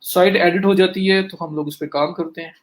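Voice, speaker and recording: A man teaching a live online class, walking students through each click step by step and saying he is speaking fast to cover more, in with a flavour. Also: high-pitched, steady tone. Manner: talks students through clicks step by step, addresses them directly. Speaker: digital marketing instructor. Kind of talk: live screen-share lecture.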